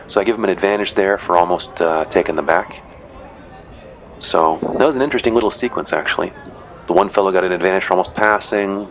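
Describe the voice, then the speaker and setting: In a low, fairly bright voice, a former referee of these matches chats through the footage. He rambles, keeps saying "you know" and "uh," and tosses in dry jokes along the way.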